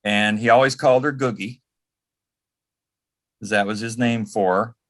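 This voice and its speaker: A fairly low-pitched, slightly bright male voice moves at a moderate pace and steady tone. As an interview guest and former personal assistant to an entertainer, he tells casual stories, regularly quoting the exchanges he remembers.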